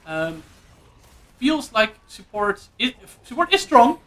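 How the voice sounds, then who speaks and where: High-voiced esports caster. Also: male voice, takes it slowly. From Netherlands. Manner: excitable play-by-play, jokey asides. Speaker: esports commentator. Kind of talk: live esports commentary.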